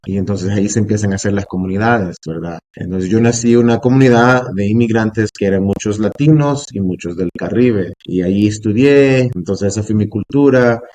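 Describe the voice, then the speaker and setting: A man from Canada who speaks, a podcast guest who explains things earnestly and at length, pausing often on "eh". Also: fairly low pitch, darkish tone. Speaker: podcast guest, shop co-founder. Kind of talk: casual interview chat.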